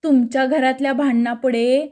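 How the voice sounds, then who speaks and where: A woman's voice: sits high, steady tone, normal speed, dark tone, natural voice. A woman reading the part of a quarrelsome middle-aged housewife with a scolding tongue.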